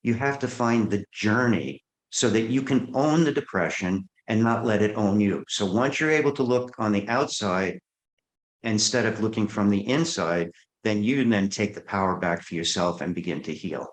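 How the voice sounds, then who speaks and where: A man's voice: lowish voice, normal speed, roomy sound, low-quality recording. A man who works as a therapist, telling earnest stories about clients in an interview and acting out their dialogue. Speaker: guest therapist. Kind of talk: interview storytelling.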